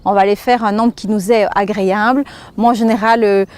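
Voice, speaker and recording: A woman's voice: medium pitch, fairly even intonation, a little fast, a little mellow, clean tone. Belgian woman coaching postnatal exercises. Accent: Belgian French. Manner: explains step by step while doing the exercises, counting breaths. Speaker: fitness instructor. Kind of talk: exercise demonstration.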